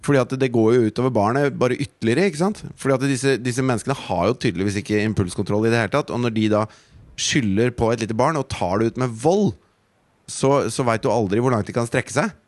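A man's voice: mid-range voice, no room sound. A man, co-hosting a podcast and telling a story in an indignant, profane way. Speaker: podcast co-host. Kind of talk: casual chat.

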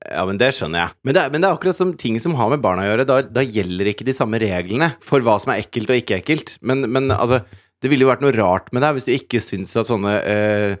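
A man's voice: medium pitch, animated. A man in casual chat over a video call who cuts in with dry jokes. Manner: dry, joking interjections.

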